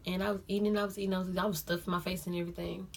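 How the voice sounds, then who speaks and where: A woman's voice: on the low side, little pitch movement, very fast, creaky. A young woman telling a personal story to viewers, chatty, repeating phrases for emphasis. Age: young adult. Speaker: vlogger. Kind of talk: casual storytime.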